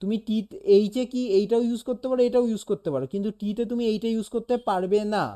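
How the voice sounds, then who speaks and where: Patient tutor, dark mellow tone, talks a student through a lesson and sounds out examples. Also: medium pitch, steady tone, fast talker. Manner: explains patiently, demonstrates sounds aloud, keeps checking "okay?". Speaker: animation teacher. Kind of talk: casual one-on-one lesson.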